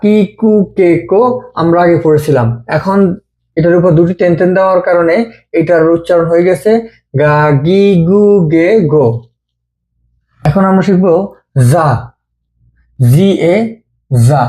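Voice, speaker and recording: Patient man with a mellow voice. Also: high-pitched, fairly even intonation. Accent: Bengali. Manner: slow, patient, repeating each sound. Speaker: language teacher. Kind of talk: step-by-step script lesson.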